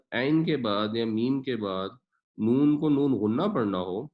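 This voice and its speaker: A man's voice: mid-range voice, muffled recording. A man teaching a Quran class, patiently explaining grammar and pronunciation with everyday examples. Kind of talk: explanatory lecture.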